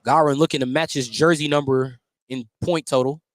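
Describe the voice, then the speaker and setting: A male radio announcer calls live basketball play-by-play, describing each play in clipped phrases. His voice is medium in pitch, with fairly even intonation and a fairly quick pace. The live sports broadcast is noisy.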